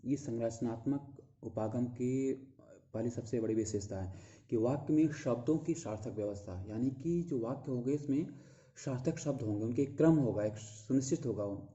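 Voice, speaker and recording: A man lecturing on teaching methods in a very dark, mellow voice. He explains patiently, stopping for fillers and self-corrections and repeating key points to his students. The audio is dull and lo-fi. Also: medium pitch, moderate pace. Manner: talks directly to students, repeating key phrases.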